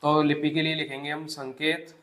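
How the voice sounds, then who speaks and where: Man, grammar teacher, slightly high voice, step-by-step explanations, echoey room. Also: flat delivery, fairly bright tone. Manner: explains step by step, repeats example words slowly. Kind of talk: exam-prep grammar lesson.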